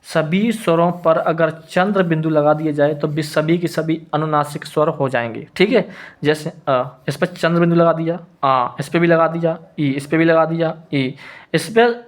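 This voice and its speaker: A man's voice: fairly high pitch, steady tone, normal speed. A man teaching a Hindi grammar lesson who keeps repeating his points and answers his own questions. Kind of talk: classroom lesson explanation.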